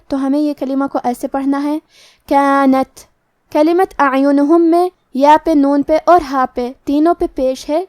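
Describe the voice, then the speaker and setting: A woman's warm, high voice, recorded dry with clean studio sound, leads a slow-paced tajweed lesson. Speaking with a Pakistani Urdu accent, she works through the rules of Quran recitation one letter at a time, step by step.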